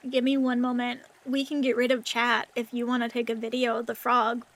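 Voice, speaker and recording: A woman with a high voice chats as a livestreamer. Her delivery is cute in an anime-streamer way, and she rambles casually and informally to the people watching. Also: monotone, brisk. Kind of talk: casual rambling chat with viewers.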